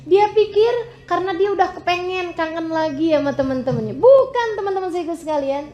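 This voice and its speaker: A woman preacher giving an emotive sermon and telling stories with wide swings of expression. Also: roomy sound. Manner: animated, emotive storytelling with wide pitch swings.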